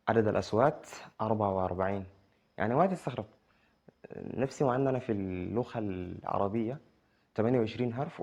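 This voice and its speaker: A man teaching English letter sounds to beginners, spelling them out slowly and repeating each sound. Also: medium pitch, dark tone. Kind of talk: beginner pronunciation lesson. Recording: dull lo-fi sound.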